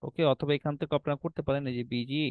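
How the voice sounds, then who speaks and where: A man's voice: fairly high pitch, fairly even intonation, rapid-fire, no room sound, phone-quality sound. A man walking students through website design settings on screen, often checking in with "ঠিক আছে?" and mixing in English terms. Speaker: web design instructor. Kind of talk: screen-recorded tutorial walkthrough.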